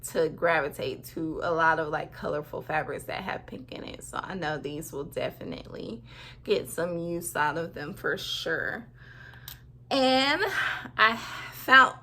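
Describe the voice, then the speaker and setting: Talking to camera, a woman in her thirties who makes sewing vlogs keeps things casual, giggly and bubbly, saying "like" a lot. Her voice is medium-pitched, bright and forceful.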